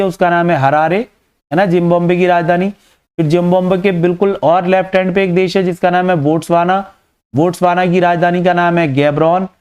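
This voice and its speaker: A man teaching geography in Hindi with an Indian accent, walking through a map and turning key facts into quick questions with frequent "है ना" checks. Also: high-pitched, darkish tone, clear, resonant tone. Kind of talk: exam-prep map lesson.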